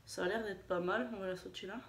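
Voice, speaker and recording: A woman's voice: medium pitch, fairly even intonation, fast, fairly bright tone. A woman chatting casually in a beauty vlog, hesitant, with many fillers and restarts, poking fun at herself. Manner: chatty, self-deprecating. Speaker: beauty vlogger. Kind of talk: casual haul and swatch video. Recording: echoey room.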